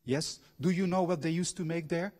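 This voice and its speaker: In a university lecture hall, a middle-aged man speaks in a mellow, somewhat high voice at an ordinary pace. Belgian by origin but raised abroad, he's a guest lecturer who once managed a factory and trained as a coach. His public lecture mixes stories from his own life with questions put to the listeners.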